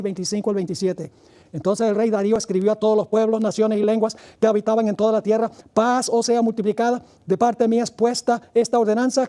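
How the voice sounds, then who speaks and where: A man, a pastor, giving a sermon-style Bible lecture, reading scripture aloud and stressing key words slowly. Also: high-pitched, warm tone. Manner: mentions rushing through much material.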